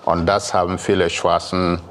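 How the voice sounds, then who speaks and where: A man from Nigeria, a restaurant owner telling an anecdote as a guest on a TV talk show, calm and hesitant with fillers. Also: low-pitched, normal speed, slight background noise. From Biafra, Nigeria.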